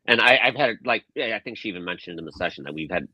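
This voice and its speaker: A man joining a casual panel chat over a video call as a guest, talking quickly with small restarts. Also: on the low side, animated, sharp tone, no echo, poor audio.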